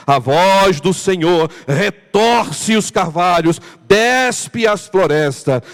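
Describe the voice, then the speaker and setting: Brief: male pastor, high voice, dramatic preaching dropping to hushed tones, long cathedral echo. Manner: dramatic preaching that swings from loud emphasis to hushed low tones. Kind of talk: sermon. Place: large church hall during a morning service. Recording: voice with long hall reverb in a church.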